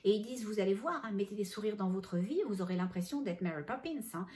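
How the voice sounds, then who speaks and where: Female medium, middle-aged, relaxed warm tone, conversational channeling monologue. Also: medium pitch, fast talker. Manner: chatty, self-correcting, relays spirit messages in gentle tones. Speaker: spiritual medium.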